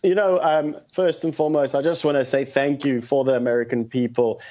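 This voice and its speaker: Fairly quick and fairly even in intonation, this mid-range, dark-toned male voice belongs to a South African guest on a call-in show. He speaks with earnest, impassioned conviction over a muffled lo-fi phone connection.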